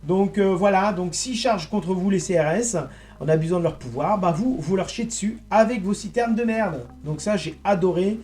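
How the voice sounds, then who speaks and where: A man giving a rambling, indignant monologue to his viewers, halting and restarting as he goes. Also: sits high, a little mellow. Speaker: online political commentator.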